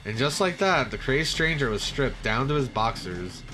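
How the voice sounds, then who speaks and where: A man reading story game text aloud with lively delivery and chuckling asides. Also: medium pitch, moderate pace, faint music behind. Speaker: let's-play host reading a story game.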